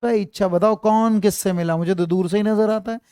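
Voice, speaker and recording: A man's voice: high voice, steady tone, a little fast, mellow, smooth, dry recording, studio quality. A man teaching an online grammar class, quizzing his students and repeating his questions.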